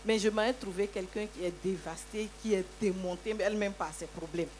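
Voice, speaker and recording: A woman giving a lively church testimony, telling her story with many hallelujahs. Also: medium pitch, fairly quick, a little hiss or hum.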